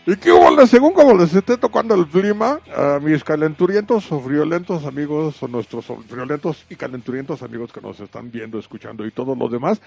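A man's voice: a little high, a little fast, creaky, hardly any pauses, breathy edge, soft background music. A man with a Mexican accent co-hosting a casual, slangy chat show. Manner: chatty, slangy, animated. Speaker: co-host. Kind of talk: casual chat about wrestling.

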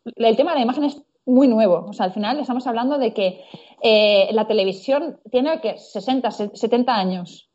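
A woman's voice: fairly high pitch, normal speed, mellow, muffled recording. A woman speaking as a guest in a casual discussion, opinionated and thinking aloud with restarts. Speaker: podcast guest.

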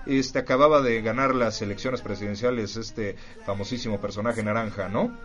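A man's voice: on the low side, steady tone, normal speed, muffled recording, soft background music. A man with a Mexican accent hosting a podcast, speaking directly to the listener in a motivational self-help talk and repeating his points for emphasis. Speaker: podcast host. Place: studio recording.

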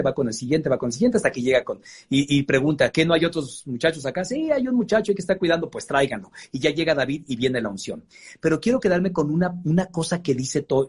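A man who is a pastor, retelling a Bible story in a lively conversational way with joking asides. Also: medium pitch, husky.

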